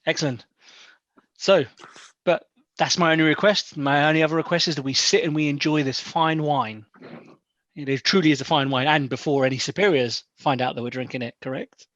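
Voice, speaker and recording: A man's voice: fairly high pitch, fairly even intonation, a little fast, a bit bright, no room sound, lightly acted. A man playing a courteous, diplomatic elf in improvised tabletop role-play, speaking with polite, formal persuasion. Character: courteous, diplomatic male elf, smooth-talking negotiator. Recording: dull, lo-fi close audio.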